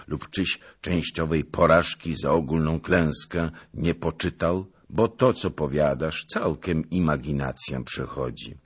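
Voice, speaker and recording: A man's voice: a bass voice, slightly rough. A man reading a historical novel aloud as an audiobook narrator, voicing the dialogue with shifting emphasis.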